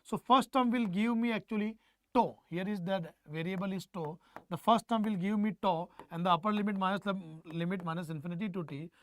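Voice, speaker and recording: A man's voice: high-pitched, a little fast, fairly bright tone, slight background noise. A man with a North Indian accent lecturing an online exam class, repeating phrases for emphasis and prompting students with questions. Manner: mixes Hindi phrases into English. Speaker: teacher.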